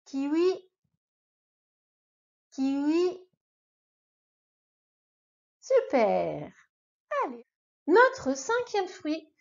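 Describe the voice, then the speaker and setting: A woman's voice: on the high side, highs cut off. A woman teaching a beginner language lesson, patiently leading repeat-after-me drills and cheering the listener on. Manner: patient, encouraging, addresses the listener informally.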